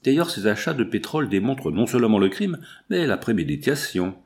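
A man's voice: lowish voice, very animated, a little fast. A man voicing a stern, self-assured examining magistrate in an audiobook, speaking with firm authority.

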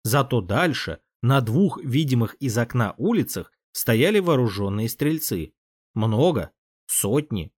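A man narrating a historical novel in an expressive reading style. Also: medium pitch, measured pace, slightly rough, dry recording. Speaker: audiobook narrator. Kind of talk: scripted narration.

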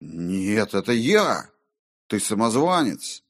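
A man's voice: on the low side, sing-song, takes it slowly, full character voice. A man voicing a terrified medieval mason who speaks strained, pleading and crying out, in an audiobook. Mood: frightened desperate. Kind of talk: audiobook character voice.

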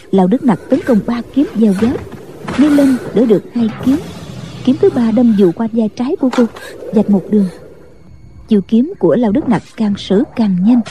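A woman narrating a martial-arts novel audiobook in a steady, even storytelling manner. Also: on the high side.

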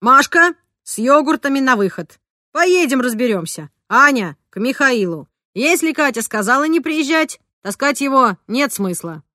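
A woman voices a brisk father barking short orders to the family, with a fairly high, light read. Dry, close audiobook sound. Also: very animated, bright, forceful tone, no echo, exaggerated voice. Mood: commanding. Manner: commanding, brisk. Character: brisk father taking charge. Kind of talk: audiobook character reading.

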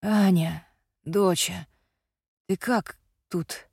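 A hoarse, wheezing injured father, weak and desperate, as a woman narrator puts him on. His voice is thin and lowish, and it is recorded close and dry. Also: steady tone, drawn-out words, darkish tone, no room sound, exaggerated voice. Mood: weak pleading. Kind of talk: audiobook character reading.

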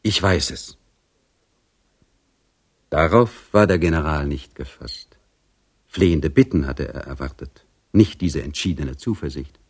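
A man reading a literary story aloud in a measured, composed narrating voice. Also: extremely low pitch, breathy edge. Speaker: audiobook reader.

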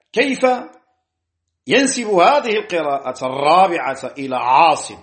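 A man giving a scholarly lecture on Quranic readings, drawing out key words slowly and citing his sources as he teaches. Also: a little high, a bit bright. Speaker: Islamic jurisprudence teacher.

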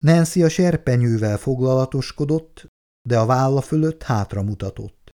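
A man narrating an audiobook novel in a measured, expressive reading. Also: medium pitch. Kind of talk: scripted narration.

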